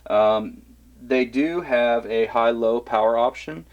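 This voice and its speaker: An American man from the Kansas City area gives a casual, rambling gear review and field test outdoors in wooded, hilly terrain, full of fillers and restarts. His voice is medium-pitched and slow, and the recording has its highs cut off.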